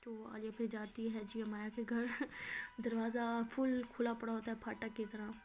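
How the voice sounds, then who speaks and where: A woman's voice: on the high side, level tone, normal speed, a little mellow. Conversational woman storyteller. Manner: conversational, informal. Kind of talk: casual spoken storytelling.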